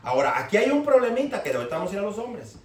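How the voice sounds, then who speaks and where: A man's voice: sits high, big pitch swings, racing, darkish tone. A man preaching a sermon, firing rhetorical questions at the congregation. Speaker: pastor. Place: church hall. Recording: echoey room, mic far off, faint noise.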